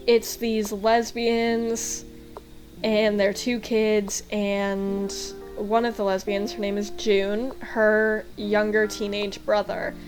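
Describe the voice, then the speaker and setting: Young American woman, easygoing chatty game commentary with soft music under it. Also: medium pitch. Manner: chatty, lots of fillers like um and like. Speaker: game vlogger. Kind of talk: casual voice-over commentary.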